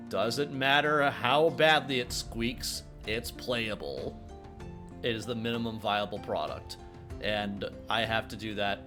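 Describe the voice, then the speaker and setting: Young guy streaming gamedev, rambly with lots of uhs, corny jokes, answering chat, faint music in the back. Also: on the low side. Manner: rambling, full of filler sounds and restarts; jokey, reads chat questions aloud and answers them. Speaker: game developer streamer. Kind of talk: casual livestream chat. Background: faint background music.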